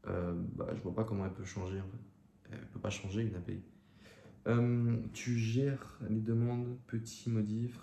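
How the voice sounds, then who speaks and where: A man's voice: lowish voice, dark tone. A young man answering viewer questions in a casual, slangy way, with many fillers and restarts. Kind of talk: casual Q&A chat to camera. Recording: echoey room with faint ambient noise.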